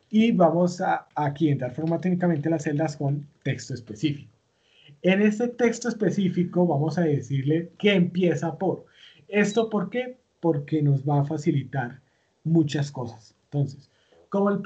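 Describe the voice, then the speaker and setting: A man teaches a recorded online class, going step by step with plenty of fillers and restarts. His voice sits a little high and sounds dark and husky. The computer mic gives it a dull, lo-fi sound. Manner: patient, step-by-step, many fillers and self-corrections. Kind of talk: recorded online class, screen-share tutorial.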